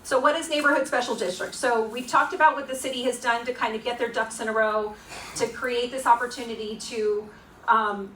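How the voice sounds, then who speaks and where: A woman with a Florida accent speaks in a fairly high voice, explaining things in a conversational, wryly critical way as a presenter. She is recorded a little away from the mic in a very echoey room, with faint noise behind her. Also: steady tone, fairly quick, fairly bright tone, distant mic. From Florida, United States. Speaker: presenter at a community meeting. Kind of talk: informal public presentation.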